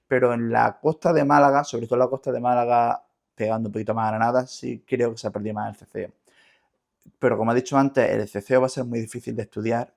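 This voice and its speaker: Speaking quickly with a gravelly, medium-pitched voice and fairly even intonation, this man is a linguist being interviewed. He has an Andalusian Spanish accent and a didactic way of explaining, frequently repeating words as he looks for what comes next.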